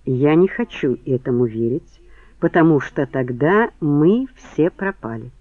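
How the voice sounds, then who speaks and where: A man reading the part of a sharp woman who questions her lover in cool, cutting lines. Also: a little high, animated, unhurried, dry recording. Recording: tinny phone-like band, dry.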